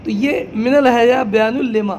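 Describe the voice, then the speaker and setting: A man teaching a class, explaining slowly term by term, asking his students question after question and calling them "beta". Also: very high voice, a little mellow, slight background noise. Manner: quizzes students with repeated questions; addresses listeners as "beta". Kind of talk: classroom lecture.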